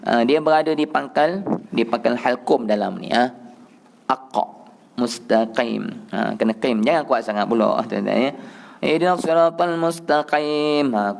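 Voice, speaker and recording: A Malaysian man teaching Quran recitation in a prayer hall, explaining pronunciation to his class and then chanting the verse slowly for them to repeat. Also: mid-range voice, gravelly, a little mellow.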